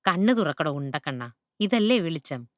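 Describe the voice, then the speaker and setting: A woman's voice: sits low, big pitch swings, normal speed, no room sound, studio quality. A woman voicing a tearful, homesick young boy in a spoken storybook, in a plaintive raised voice. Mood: teasing.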